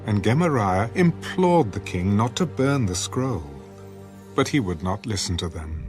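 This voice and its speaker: This is a formal scripture reading by a man whose voice sits fairly low. He paces it in measured phrases, and his intonation stays expressive and lively. Music is clearly audible in the background of the scripted narration.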